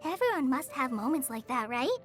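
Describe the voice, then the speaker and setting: In these video game voice lines, an actress plays a timid, sincere teen forest ranger trainee who stammers, apologizes and gets flustered easily. She speaks fairly quickly in a high voice with big pitch swings, over background music.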